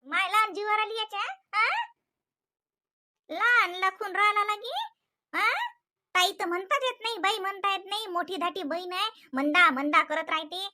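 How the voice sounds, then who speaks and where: A woman voicing an aggrieved older mother-in-law in an animated comedy, grumbling in slow complaints. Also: very high voice, heavily acted.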